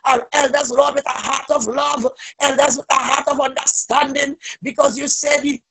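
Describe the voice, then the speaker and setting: A woman leads a fervent, spontaneous prayer in church, pleading through repeated invocations as her raspy voice swells into loud cries. Her voice is high, her tone level, her pace moderate.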